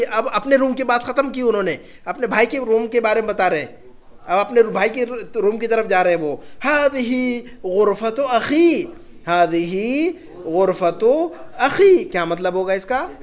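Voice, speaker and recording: Slow, patient man teaching. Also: high voice. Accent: Urdu. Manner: slow, repeats each phrase patiently. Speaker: Arabic teacher. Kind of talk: classroom lesson.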